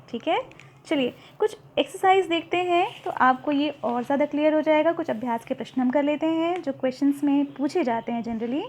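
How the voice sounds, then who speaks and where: High-voiced woman teaching grammar. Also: a little mellow. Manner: repeats key points, asks and answers her own questions; reads English example sentences slowly and clearly. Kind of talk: grammar lesson for students.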